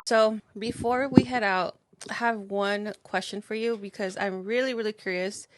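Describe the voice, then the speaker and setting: A woman hosts a relaxed chat podcast with an upbeat manner. Her voice sits at a middle pitch. The sound is close-miked and dry, with no room echo. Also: normal speed. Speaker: podcast host. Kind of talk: casual chat.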